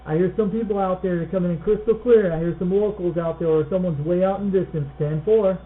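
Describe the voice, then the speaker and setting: A man's voice: high-pitched, brisk, phone-quality sound. An American man making repetitive CB radio call-outs full of radio slang, through single-sideband radio. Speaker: CB radio operator. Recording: thin crackly CB radio, faint noise.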